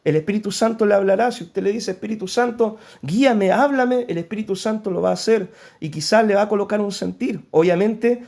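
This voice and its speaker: A Chilean man preaching from the pulpit in a notably high voice. He speaks earnestly, turning pleading when he voices prayers. He peppers his points with quick "¿cierto?" check-ins to the congregation. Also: vocal fry, darkish tone. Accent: Chilean Spanish. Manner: preaching with frequent "¿cierto?" asides. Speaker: pastor. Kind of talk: sermon.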